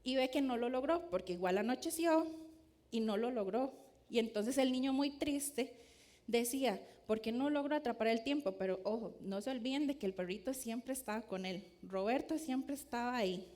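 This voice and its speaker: Woman, preacher, sermon with a story, asks the audience questions, fairly high voice. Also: lively intonation, normal speed, a little mellow.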